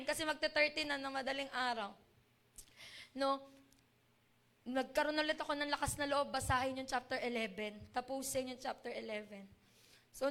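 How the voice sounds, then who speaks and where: Brief: woman, church testimony, high voice with gravelly fry, earnest and emotional. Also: sharp tone. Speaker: church member giving testimony. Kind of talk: personal testimony to a congregation.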